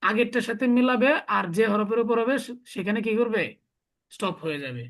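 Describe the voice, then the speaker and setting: A man's voice: high voice, animated, a little fast, fairly bright tone. A male teacher gives a classroom lesson. He explains patiently, step by step, and keeps drilling his students with repeated questions.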